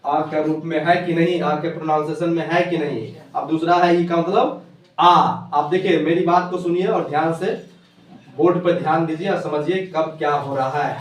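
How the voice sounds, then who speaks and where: A man teaching English pronunciation at a board, spelling words out letter by letter and slowing down for English phrases. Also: on the high side, fairly even intonation. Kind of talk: whiteboard lesson explaining pronunciation. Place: classroom with a board. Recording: echoey room, voice from far off, faint noise.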